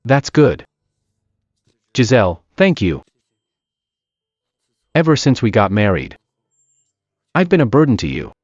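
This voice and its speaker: An actor playing a wronged, injured young husband in overacted dubbed melodrama. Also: male voice, mid-range voice, wildly swooping pitch, unhurried, pauses often, dry recording, dull audio. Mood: subdued, grateful. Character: wronged injured young husband and grandson, bitter yet gentle. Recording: music behind the voice.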